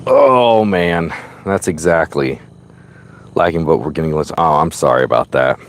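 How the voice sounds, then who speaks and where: A man with a low voice talks casually to his live viewers like an excited wildlife host. He is outdoors by a road, with steady vehicle noise around him. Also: unhurried. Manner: excited, admiring wildlife-host narration when showing an animal. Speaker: livestreamer hunting for wild snakes. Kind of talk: casual live vlog commentary. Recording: noisy roadside with car sounds.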